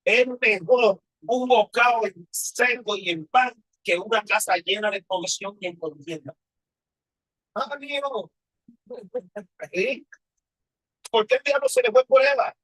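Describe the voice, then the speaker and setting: Male preacher, husky voice, emotional testimony storytelling, rhetorical questions. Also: high-pitched, unhurried, long pauses, fairly bright tone, dry recording, poor audio. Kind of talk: personal testimony sermon.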